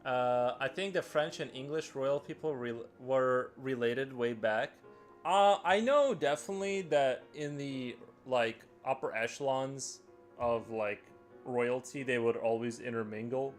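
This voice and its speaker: A man chats casually on his live art stream, wandering from thought to thought with lots of restarts. His voice sits at an ordinary middle pitch. A soft music track plays faintly beneath him. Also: a little slow. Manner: chatty, rambling, thinks aloud with many restarts.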